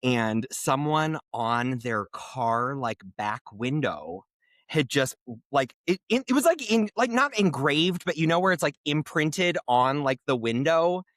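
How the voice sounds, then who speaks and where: Male podcast co-host, animated storyteller, very lively pitch, dry close sound. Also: a little slow, dry recording. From Nebraska. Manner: animated, giggly storyteller who jumps high when excited. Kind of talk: casual storytelling chat.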